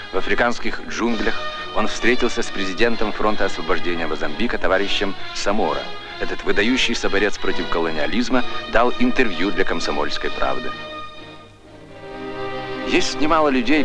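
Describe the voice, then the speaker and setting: A man giving formal, declamatory announcer narration in the style of an old newsreel. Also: lowish voice. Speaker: documentary narrator. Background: music score.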